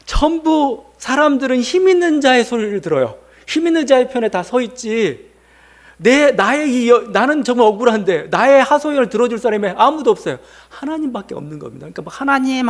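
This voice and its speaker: A man's voice: very high voice, sing-song, fairly quick. A male pastor giving a conversational sermon, posing rhetorical questions to the congregation.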